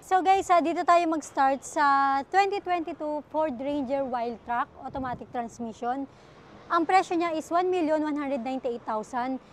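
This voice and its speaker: A woman's voice: high voice, normal speed, a little hiss or hum. A woman working as a used car salesperson, chatting casually through a car walkaround vlog at a dealership lot and calling her viewers "guys" again and again. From Philippines. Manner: chatty, full of fillers, keeps addressing viewers as guys.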